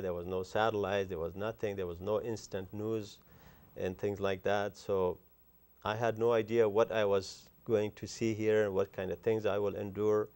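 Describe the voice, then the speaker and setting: A man in his sixties from Afghanistan, a guest author talking earnestly and effusively in an interview, often pausing with fillers. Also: on the low side, darkish tone, clear, resonant tone. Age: 60s. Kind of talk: interview conversation.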